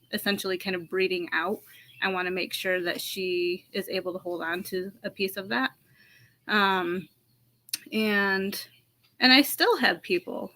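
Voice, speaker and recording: A woman's voice: medium pitch, bright, forceful tone. A young adult American woman telling a personal story in a reflective, hesitant way, with frequent ums and restarts. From United States. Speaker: panel speaker.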